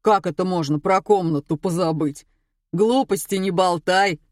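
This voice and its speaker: A woman's voice: on the low side, normal speed, darkish tone, no echo, studio quality, lightly acted. A woman voicing a dim-witted male radio caller who talks bluntly in slang, in an audiobook. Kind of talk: audiobook character voice.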